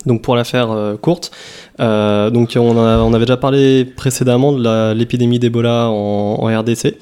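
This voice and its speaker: A man co-hosting a casual news podcast, explaining in a relaxed way with repeated words. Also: mid-range voice, moderate pace, clear, resonant tone. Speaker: podcast co-host.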